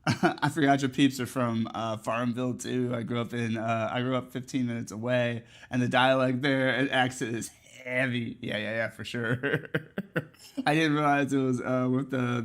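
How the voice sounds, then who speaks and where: A man with a Midwestern American accent, chatting casually with his stream's chat, rambling with lots of fillers and frequent laughs. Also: mid-range voice.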